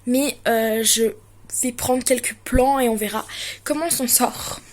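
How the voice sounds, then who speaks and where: A woman's voice: on the high side, fairly even intonation, measured pace. A young woman from France chatting casually through a home vlog, self-mocking and full of fillers. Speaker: vlogger. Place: home, indoors.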